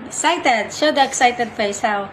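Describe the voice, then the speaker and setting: A woman's voice: on the high side, unhurried, noisy background. A young Filipino-accented mother playfully coaxing her toddler through faces at home, giggling often. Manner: coaxing, giggly, sing-song prompting.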